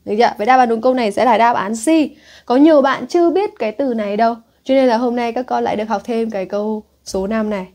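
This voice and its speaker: Cô giáo dạy tiếng Anh, giọng trầm ấm. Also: female voice, on the high side, fast talker, a little mellow. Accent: Northern Vietnamese. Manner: checks in with students constantly, asking if they follow; reads English words aloud then explains them. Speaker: English teacher. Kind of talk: exam-prep lesson.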